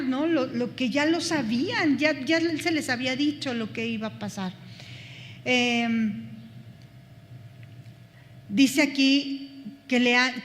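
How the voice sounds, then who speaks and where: Bible class teacher, woman, high voice, rambling with restarts, hall echo. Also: slight background noise. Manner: thinking aloud, many fillers and restarts. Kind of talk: Bible study lecture.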